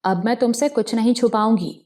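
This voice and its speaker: A woman voicing a desperate young woman in a criminal gang, tearful and near breaking, who turns to frantic shouting. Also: fairly high pitch, natural voice. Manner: tearful, then screaming in a frenzy.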